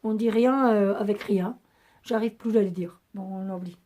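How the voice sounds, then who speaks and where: A woman vlogger with a raspy voice that is going hoarse, chatting to camera in a rambling way with many hesitations. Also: medium pitch, fairly even intonation, normal speed, mellow. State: losing her voice. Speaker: beauty vlogger. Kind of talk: casual chat to camera.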